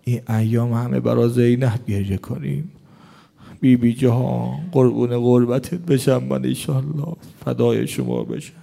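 A man's voice: mid-range voice, steady tone, gravelly, mellow. A man preaching a mourning sermon in an emotional, chanting, lamenting delivery.

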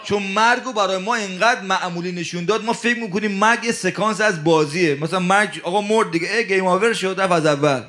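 Male preacher, religious sermon, a bit high-pitched, dramatic storytelling, loud cries to hushed murmurs. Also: hardly any pauses. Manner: acts out dialogue in his stories.

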